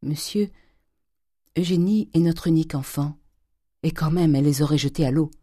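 A woman reading aloud voicing a suffering older wife and mother who pleads softly and slowly with her husband. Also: sits low, slightly rough, dry recording, clean studio sound. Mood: firm. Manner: soft, pleading, slow.

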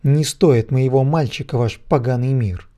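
A man's voice: medium pitch, normal speed, mellow, close to an everyday voice. Man as a grim wrathful god. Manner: grim, growling delivery.

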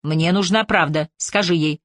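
A woman's voice: on the low side, normal speed, fairly bright tone, no echo, natural voice. A woman narrator voicing a stern, arrogant male police superintendent who gives curt orders. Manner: curt, haughty commands.

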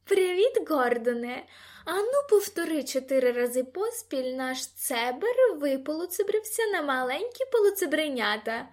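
A woman reading an audiobook, voicing a tipsy, excited teenage girl who shouts tongue twisters at a party. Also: very high-pitched, normal speed, voice pushed up. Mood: giddy. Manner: shouting, giddy.

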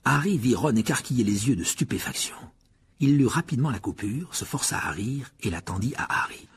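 A man reading a children's novel aloud as narrator, in a measured, steady manner with a raspy voice. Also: mid-range voice. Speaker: audiobook narrator. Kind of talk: scripted storybook narration.

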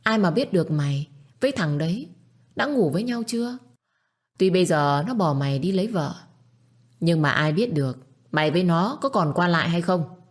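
A woman's voice: lowish voice, expressive, moderate pace. A woman voicing a spiteful middle-aged stepmother who screeches insults and taunts. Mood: scolding.

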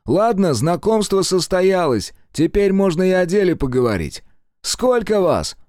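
A man's voice: high-pitched, very animated, normal speed, darkish tone, no echo, studio quality, pitched above the performer's own voice. A man voicing a tough squad commander who taunts and interrogates a prisoner bluntly. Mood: mocking. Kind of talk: audiobook character voice.

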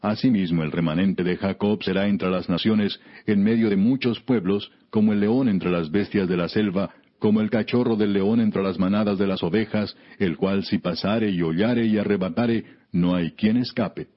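A man narrating scripture as a scripted reading, in a solemn, measured, declamatory biblical manner, on a dull recording. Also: fairly low pitch. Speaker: Bible narrator.

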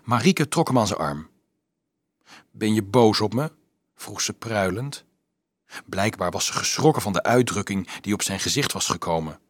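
A man narrating a novel aloud as an audiobook reader, in an expressive storytelling manner. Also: fairly low pitch, moderate pace, breathy edge, dry recording, clean studio sound.

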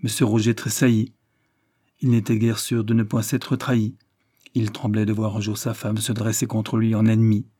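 A man narrates a literary short story in an even, measured way. His voice is low, warm and somewhat husky, with no brightness. The recording is close and dry. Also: no echo. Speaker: audiobook narrator.

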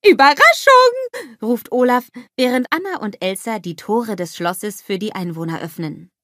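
A woman narrating a children's storybook in a scripted, expressive storytelling manner on a close studio mic. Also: mid-range voice, normal speed, no room sound. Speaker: audiobook narrator.

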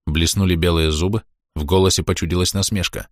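A man narrating a dark story in a measured, tense reading voice. His voice sits on the low side and is recorded dry and close, with no room around it. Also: fairly even intonation, dry recording. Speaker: audiobook narrator. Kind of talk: dramatic audiobook reading.

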